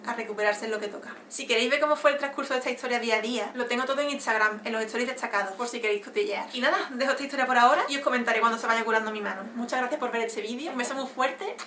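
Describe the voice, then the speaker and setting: Young woman, Spain Spanish accent, animated vlog storytelling, rapid-fire delivery, echoey room. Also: fairly high pitch. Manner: animated, expressive retelling with laughs. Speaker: vlogger. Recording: echoey room with faint ambient noise.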